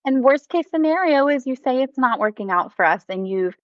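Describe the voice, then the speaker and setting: Here the same kind of speaker, an American former teacher and mother, talks eagerly as a podcast guest in a relaxed conversation. Her voice sits high, with lively intonation and a fairly quick pace. The audio is dull and has no room sound.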